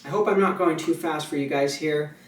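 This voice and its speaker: Chatty man teaching in an echoey room. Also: fairly high pitch. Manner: relaxed, chatty, many fillers and restarts, slows to mouth example sentences. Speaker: sign language teacher. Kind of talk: casual instructional video. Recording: echoey room, voice a little far from the mic, faint ambient noise.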